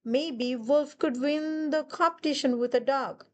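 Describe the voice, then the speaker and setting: A woman reading a children's picture book aloud, lifting her voice for the quoted lines. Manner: slow storytelling, voices quoted lines higher.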